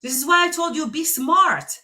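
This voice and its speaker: Woman hosting a live debate, pushy and pointed, high voice. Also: animated, normal speed, pushed and bright. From Algeria. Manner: pointed, insistent, interrupts. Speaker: debate stream host.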